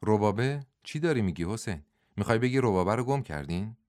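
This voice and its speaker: A man's voice: fairly low pitch, animated, darkish tone, no room sound, clean studio sound, natural voice. A man reading a bitter young wrestler. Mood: startled. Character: young male wrestling champion, troubled. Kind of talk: audiobook dialogue.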